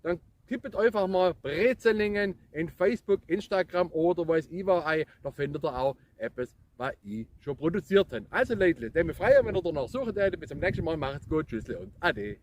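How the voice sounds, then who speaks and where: A man's voice: a little high, lively intonation, normal speed, few pauses, slight background noise. A man with a Swabian accent explains dialect words in casual, colloquial talk, addressing his listeners directly.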